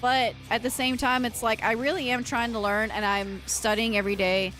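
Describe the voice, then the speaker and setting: Faint music sits behind this rough recording of an American woman livestreamer and metal vocalist, whose fairly high, slightly bright voice stays fairly even at a moderate pace. Talking earnestly and casually with viewers, she rambles and frequently starts her sentences over.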